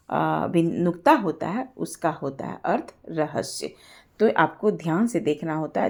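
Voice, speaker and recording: A woman's voice: on the low side, gravelly. A woman teaching a grammar lesson, explaining each answer step by step and checking in with rhetorical questions.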